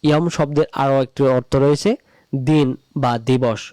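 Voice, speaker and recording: Male recitation teacher, measured and drawn-out, smooth clear voice. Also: medium pitch, steady tone, darkish tone, dry recording. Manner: slow drawn-out recitation examples between quick explanations. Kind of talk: explaining pronunciation and meaning.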